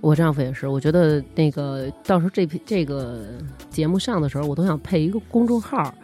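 Fast-talking woman. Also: low-pitched, faint music behind. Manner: animated, laughs often, acts out dialogue. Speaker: podcast co-host. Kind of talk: casual chat, comic storytelling.

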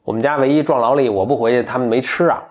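A man's voice: medium pitch, steady tone, racing, dull audio, natural voice. A man voicing a poor, humble young fisherman who talks hesitantly and stammers, in a told folktale. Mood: earnest.

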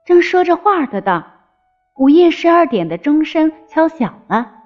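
A woman narrating a fairy tale in an expressive storytelling manner. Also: sits high, moderate pace. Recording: slightly dull with faint music.

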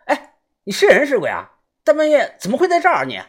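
A man voicing a crude, jumpy young man who jokes and swears loudly. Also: sits high, huge pitch swings, moderate pace, husky, pitched above the performer's own voice, exaggerated voice. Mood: shouting. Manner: crude, loud, teasing.

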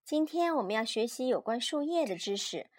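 A young woman reads a picture book aloud to her child at bedtime. Her voice sits a little high, and her storytelling is gentle, patient and animated. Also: fairly quick. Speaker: mother reading a bedtime story.

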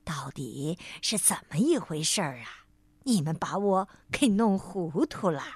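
A woman's voice: big pitch swings, darkish tone, breathy edge, dry recording, exaggerated voice. Woman doing a kindly old grandma bear. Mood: gentle, soothing. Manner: slow, soothing, low-pitched.

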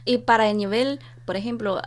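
A woman's voice: on the high side, moderate pace. A woman hosting an interview, friendly and teacherly in her questions. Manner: friendly, teacherly, exaggerates tones when demonstrating. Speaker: interviewer, host. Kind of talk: radio-style interview.

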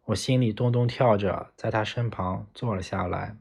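A man narrates a novel in the first person with a low, husky voice. His reading is steady and plain, like a calm audiobook narrator. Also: moderate pace.

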